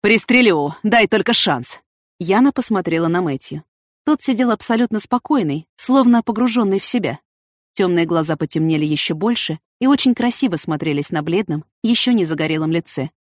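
A woman reading an audiobook with steady storytelling narration. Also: fairly low pitch, a little fast, no room sound, clean studio sound.

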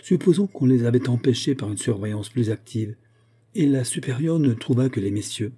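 Using a medium-pitched, mellow and husky voice, a man expressively plays a remorseful, indignant young noblewoman in an audiobook character voice. She pleads earnestly, delivered at a moderate pace.

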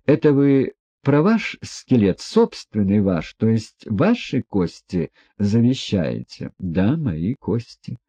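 A man doing an ironic teasing gentleman. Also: fairly low pitch, sing-song, slow, hardly any pauses, husky, no room sound, heavily acted. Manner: mock-polite, needling questions. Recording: dull dry audiobook recording.

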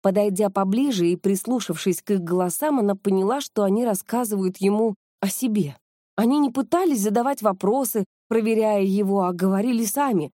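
Woman narrating an audiobook, dark mellow voice. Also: mid-range voice, brisk, no echo, studio quality. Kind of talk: scripted narration.

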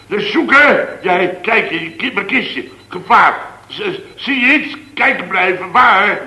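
An actor playing a fussy, easily flustered company boss who stammers through a 1960s radio comedy. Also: male voice, sits high, lively intonation, measured pace, pushed and bright, full character voice. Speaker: boss of a contractor's firm. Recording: roomy old radio recording.

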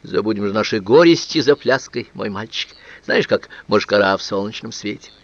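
A man voicing a tender, playful middle-aged mother in an audiobook, speaking in a lyrical, gently emotional way. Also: lowish voice, animated, normal speed, no echo. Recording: dull, dry, lo-fi studio recording.

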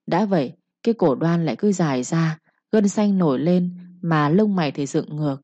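A woman narrating a village folk story calmly, with proverbs. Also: low-pitched, normal speed, no room sound. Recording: dull lo-fi recording.

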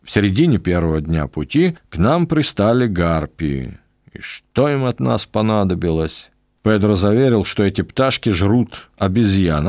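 Gravelly low male audiobook narrator. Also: darkish tone, no room sound, studio quality. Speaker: author reading his own audiobook.

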